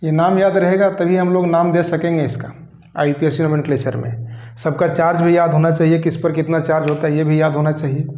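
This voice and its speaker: Male chemistry teacher, slightly high voice, quizzes and answers himself, roomy echo. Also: level tone, a little fast, darkish tone. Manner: asks questions and answers them himself, repeating key terms. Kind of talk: classroom lecture.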